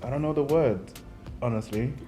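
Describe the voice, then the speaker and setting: A man's voice: mid-range voice, normal speed, dark tone, reverberant. A laid-back young man from Nigeria talks casually and jokes with his sister. His speech is slangy and easygoing, with music playing faintly behind him. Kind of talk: casual group interview.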